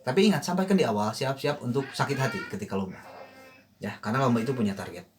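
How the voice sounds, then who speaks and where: Male choir coach, loose and chatty, pauses to sing short demo lines, faint background hiss. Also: mid-range voice, lively intonation. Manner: casual, thinking aloud, many fillers; breaks into short sung lines to demonstrate. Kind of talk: informal online lesson.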